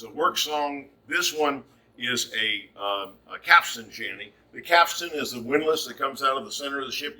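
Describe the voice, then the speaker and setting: A costumed shanty performer and lecturer from Virginia, USA gives a chatty, explanatory talk to an audience in an indoor event hall, often restarting his sentences. His mid-range voice is bright and forceful, projected without a microphone, and the recording picks him up from across the room.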